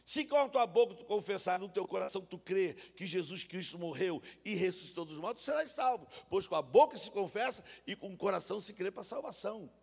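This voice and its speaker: Raspy high-voiced preacher. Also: male voice, animated, fairly quick, hardly any pauses, darkish tone. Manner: storytelling preacher, addresses listeners as brothers. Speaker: pastor. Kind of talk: sermon. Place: church. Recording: reverberant church hall.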